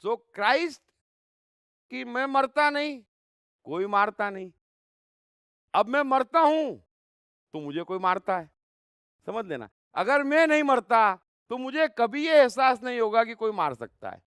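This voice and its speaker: A man delivers an unhurried spiritual discourse, his pitch rising and falling widely as he presses each point. His voice is smooth and clean and sits in a dry, close sound. He talks emphatically, asks rhetorical questions and repeats phrases for weight. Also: very animated, fairly bright tone, dry recording. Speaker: spiritual speaker.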